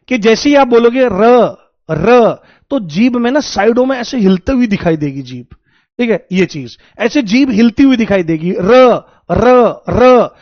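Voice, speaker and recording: A man teaching a live online class, lively, repeating points and questioning his students. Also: sits high, no echo, highs cut off.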